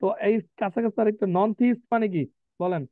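Questions for the students and slowly read definitions fill this live Bengali-English class led by a male English vocabulary tutor with a light, high voice. The sound is tinny and phone-like, though there is no echo.

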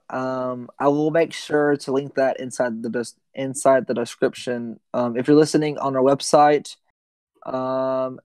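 Young male podcast host, casual and rambling, mid pitch, dry. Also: darkish tone, dry recording. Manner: rambling with many ums and restarts. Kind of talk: casual gaming podcast chat.

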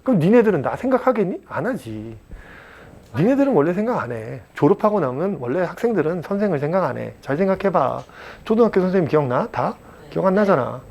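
A man teaching a math class at a cram school, blunt and chatty, joking and mock-scolding his students and checking in with quick questions. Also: high-pitched, big pitch swings, vocal fry, a little mellow. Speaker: math tutor.

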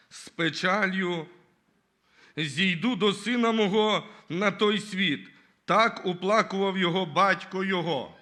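A man's voice: high voice, pushed and bright. A man giving his testimony at a church service, earnestly reading scripture and often calling the listeners brothers and sisters.

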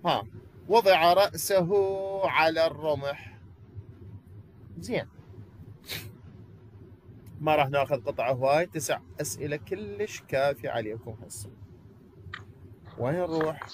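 Lively Iraqi teacher explaining. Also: male voice, fairly high pitch, unhurried, pauses often, a little hiss or hum, rough recording. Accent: Iraqi Arabic. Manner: asks questions and answers them himself. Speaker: English teacher. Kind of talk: online class lecture.

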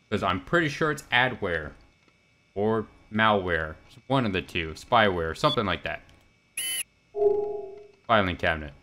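A man's voice: deep voice, expressive, unhurried, pauses often, background noise. A man casually commenting on a video game as he plays, with dry, sarcastic remarks and frequent laughs. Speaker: let's play gamer.

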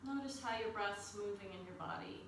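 A woman leading a yoga class as the instructor, in a calm, unhurried, soothing guiding delivery. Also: mid-range voice. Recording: echoey room, distant mic, faint noise.

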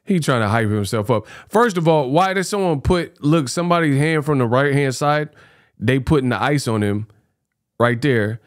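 A man in his thirties gives casual, teasing commentary as a reaction host. His mid-pitched voice sits close on the mic in a dry home studio, and he likes to repeat phrases. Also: lively intonation, normal speed, no room sound. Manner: colloquial, teasing, repeats himself. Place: small home studio, indoors. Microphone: close microphone on a stand.

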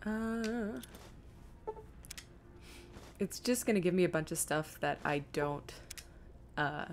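This is casual live gaming commentary from a woman who rambles to her viewers and mutters to herself while she plays. Her fairly low voice is expressive and slow, with a little hiss or hum on the recording. Video game music and sound run behind her.

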